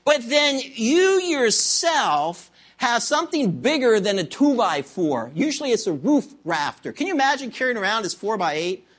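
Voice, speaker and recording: A middle-aged pastor delivers a sermon in a very high voice, speaking at normal speed with few pauses. He tells stories animatedly, with humor, and acts out the different voices.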